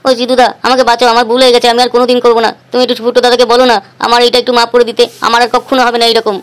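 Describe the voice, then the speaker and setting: A woman's voice: a little high, monotone, racing, slight background noise, close to an everyday voice. A woman voicing a male market cheat in a cartoon, pleading and whining for mercy. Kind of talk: cartoon voice acting.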